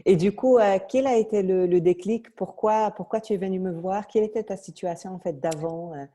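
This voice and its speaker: A woman's voice: medium pitch, a little fast, dark tone. A woman fitness coach interviewing a client, hesitant and full of fillers.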